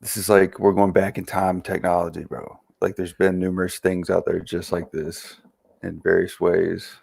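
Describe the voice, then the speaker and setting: Deep gravelly man, slangy and laid-back. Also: monotone, moderate pace, darkish tone, no echo. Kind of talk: casual chat on a live stream.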